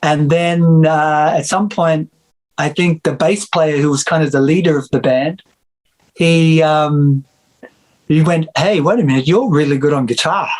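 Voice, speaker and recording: A man's voice: on the high side, steady tone, unhurried, a little mellow, low-quality recording. A middle-aged Australian man from Victoria, chatting casually about his music in an interview, with many fillers and restarts. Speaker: musician and music teacher, guest.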